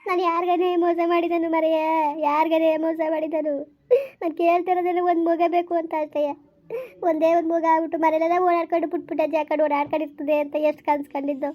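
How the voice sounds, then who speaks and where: A woman's voice: very high voice, flat delivery, fast talker, dull audio. A woman playing a grieving older village mother-in-law who cries to God and longs for a grandchild. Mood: wailing grief. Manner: wailing lament full of cries to God.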